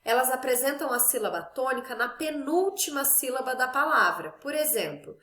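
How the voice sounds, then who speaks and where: A woman's voice: high-pitched, lively intonation, normal speed, pushed and bright, reverberant. A woman teaching a grammar lesson to children, patiently drawing out stressed syllables as examples. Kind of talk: recorded Portuguese class for children.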